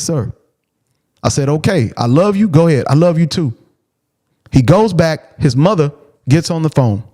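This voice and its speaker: A man with a high-pitched voice tells a personal story on his own show. He talks bluntly and with energy, acting out his own lines and repeating his main points. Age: adult, father of a preteen. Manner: animated, blunt, repeats phrases, quotes himself. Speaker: host telling a personal story. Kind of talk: casual storytelling.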